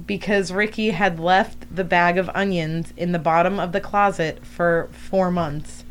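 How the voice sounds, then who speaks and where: A woman's voice: lowish voice, fairly even intonation, measured pace. A young woman with a slight lisp, co-hosting a casual chat show and telling teasing, laughing stories. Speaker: podcast co-host.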